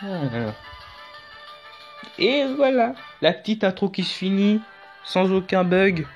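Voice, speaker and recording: A man's voice: high voice, big pitch swings, slow. A man talking through a casual tutorial in a chatty, rambling way with jokey asides. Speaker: YouTube tutorial host. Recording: dull lo-fi audio with faint music.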